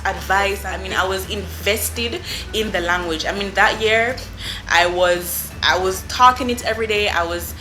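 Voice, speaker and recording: Telling a chatty story straight to camera, a young adult vlogger from Jamaica bubbles over with animation, filling her speech with "like" and "I mean" in her Jamaican accent. Her medium-pitched voice sounds reverberant on a rough recording.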